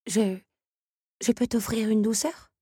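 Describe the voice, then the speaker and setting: Female reader as an exclaiming young heroine, husky tone, dry recording. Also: a little high, steady tone, slow pace, mellow, no room sound, pitched above the performer's own voice. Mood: indignant. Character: young woman, eager and indignant.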